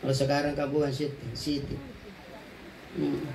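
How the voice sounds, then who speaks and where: High-voiced preacher. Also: male voice, monotone, moderate pace, darkish tone, a little hiss or hum, low-quality recording. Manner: humorous storytelling, mixes in local words. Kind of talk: condolence sermon.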